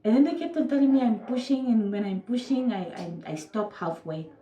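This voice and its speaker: A woman's voice: on the high side, a little fast, echoey room, slight background noise, poor audio. A young woman with a Namibian accent, telling a personal story casually to her viewers and acting out moments. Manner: animated, acts out moments with quoted voices and sound effects. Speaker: vlogger.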